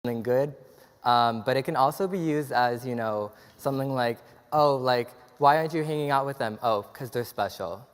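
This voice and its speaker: A man's voice: mid-range voice, normal speed, clear, resonant tone, long reverb tail. A young man of nineteen speaking in a documentary clip, upbeat and casual with many fillers. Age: young adult.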